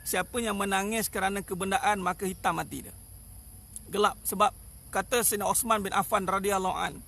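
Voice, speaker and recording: A man's voice: high voice, fairly even intonation, fairly quick, gravelly, bright, forceful tone. A man with a Malaysian Malay accent preaching a sermon outdoors, emphatic and repetitive, with many rhetorical questions. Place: outdoors in the sun.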